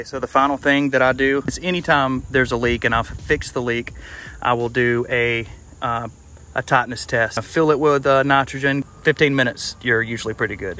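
A man's voice: mid-range voice, bright, forceful tone. Plain-spoken man explaining on the job. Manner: casual, plain-spoken, thinks aloud with fillers. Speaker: HVAC technician. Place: outdoors at an air conditioning unit.

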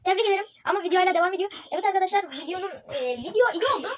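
A woman gameplay YouTuber, giving loud, excitable commentary over a football game and repeating her shouts. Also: extremely high pitch, very fast, highs cut off.

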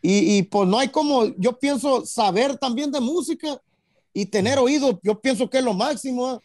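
A man with a Mexican Spanish accent and a high-set voice. He talks in loose, rambling runs full of fillers and tag questions. The sound is close and dry, as if right at the mic. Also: moderate pace, a little mellow, no echo. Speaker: guest musician. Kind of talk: casual interview chat.

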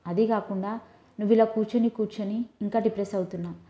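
A woman voicing a brisk, teasing young woman who scolds her heartbroken friend in an audiobook. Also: medium pitch, steady tone, warm tone, highs cut off, natural voice. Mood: bossy. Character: young woman, bossy and caring best friend. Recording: roomy echo.

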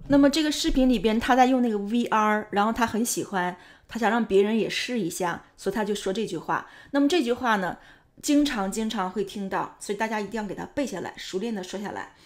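A woman's voice: mid-range voice, fast. A woman English teacher patiently explaining sentence structure and pronunciation step by step, with frequent filler sounds.

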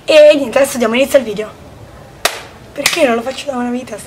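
A woman's voice: sits high, quick pace, noisy background. A teenage young woman hosting a casual challenge vlog, exclamatory and playfully protesting, recorded outdoors on a camera mic. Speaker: YouTube host. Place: small outdoor paved courtyard by a wall.

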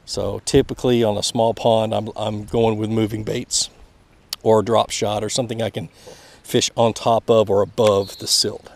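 Gravelly-voiced man fishing a pond bank. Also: lowish voice, normal speed. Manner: relaxed, explaining as he fishes, chuckling. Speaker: fishing channel host. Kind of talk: casual outdoor fishing vlog with tips. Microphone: head-mounted action camera. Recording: outdoor camera mic with faint background noise.

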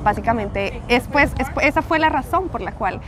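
A woman in her thirties hosting a casual interview in a chatty, expressive way. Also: a little high, normal speed. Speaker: interviewer, host. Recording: loud music and crowd noise behind.

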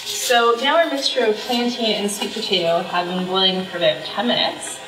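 A woman's voice: medium pitch, animated, normal speed. Young woman explaining a home cooking demo. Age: young adult. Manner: chatty, explaining each step. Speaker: cooking show presenter. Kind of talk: casual cooking demonstration. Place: home kitchen. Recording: roomy kitchen sound with faint music.

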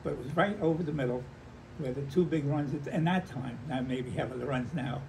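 An American man in his nineties, an old veteran remembering the past in halting, conversational stories, repeating himself and acting out remembered dialogue. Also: medium pitch, creaky. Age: 90s. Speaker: war veteran interviewee. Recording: noisy handheld home recording.

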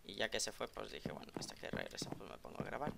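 Gravelly man trash-talking over gameplay. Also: on the low side, quick pace. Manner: excitable, jokey trash talk aimed at opponents. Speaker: gaming video creator. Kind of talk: live game commentary. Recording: loud background noise, keyboard clicks, doubled voice from an open call.

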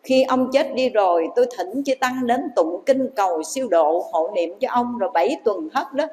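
A nun voicing a tearful loyal third wife. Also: female voice, on the high side, darkish tone, in a large hall, rough recording.

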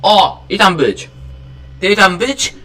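A man doing let's play commentary, excitable, often yelling at characters in the game. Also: high voice, takes it slowly. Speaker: gamer.

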